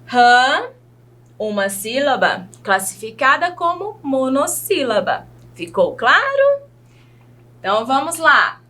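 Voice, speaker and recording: Slow, sing-song Brazilian woman teacher. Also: sits high, very animated, bright, forceful tone. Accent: Brazilian Portuguese. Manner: slow, sing-song teacherly delivery, asks children questions. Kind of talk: children's video lesson.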